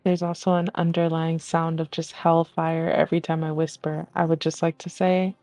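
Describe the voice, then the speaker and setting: A woman's voice: deep voice, level tone, moderate pace, warm tone, no room sound, soft background music. A woman playing a tabletop game over voice chat, talking casually with lots of "like" and giggles. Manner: giggly, talks with filler "like". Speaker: player.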